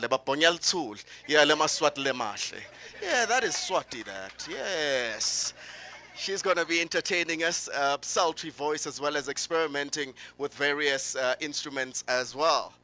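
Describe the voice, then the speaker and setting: Animated South African male presenter, bright voice. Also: on the high side. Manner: animated, many filler pauses, mixes in local languages. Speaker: radio presenter introducing festival acts. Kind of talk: live event announcement.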